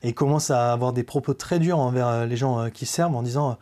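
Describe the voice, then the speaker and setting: Man, mellow dark voice, halting, earnest, confessional testimony, many hesitations. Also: mid-range voice. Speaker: podcast guest giving a testimony. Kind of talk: personal faith testimony in conversation.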